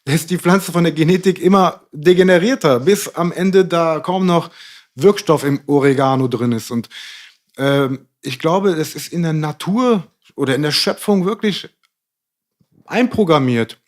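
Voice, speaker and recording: A man's voice: fairly high pitch, measured pace. A middle-aged man talking through ideas in a casual podcast discussion, rambling and hesitant, with many fillers. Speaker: podcast guest.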